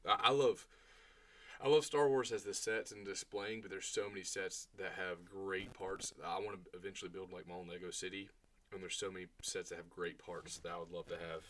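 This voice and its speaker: A young man with a fairly low voice chats on a casual livestream, rambling and laughing easily. A faint hiss sits under his voice. He talks like he's among friends while building. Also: a bit bright. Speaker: livestream host building LEGO.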